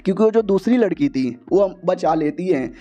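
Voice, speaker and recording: High-voiced, joking male recap narrator. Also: lively intonation, warm tone. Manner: slangy, joking, quick asides. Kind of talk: comedic story recap. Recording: dull lo-fi sound.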